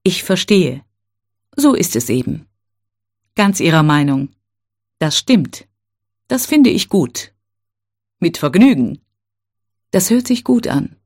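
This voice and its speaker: Slow, mellow-voiced woman reading phrases. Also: fairly low pitch, big pitch swings. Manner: slow, careful, clearly spaced phrases. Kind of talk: reading set phrases for learners.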